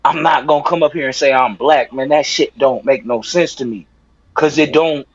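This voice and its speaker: A man's voice: medium pitch, moderate pace, crowd noise. A man on a livestream panel, talking in a preachy, repetitive way with plenty of swearing. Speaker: panel guest. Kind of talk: casual debate talk. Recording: dull lo-fi call audio.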